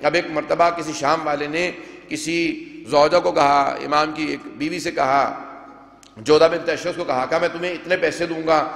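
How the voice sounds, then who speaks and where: A man's voice: a little high, steady tone, creaky, a bit bright. A man preaching a majlis sermon, declaiming and retelling narrations with quoted dialogue. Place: large hall with long reverb. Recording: echoey reverberant hall.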